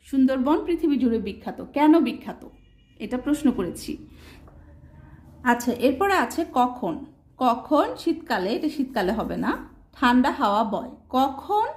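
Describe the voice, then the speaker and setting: High-voiced woman teaching a children's lesson. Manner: patient, asks questions and answers them herself; spells words out slowly letter by letter. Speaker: primary school Bangla teacher. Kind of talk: explaining a children's textbook lesson.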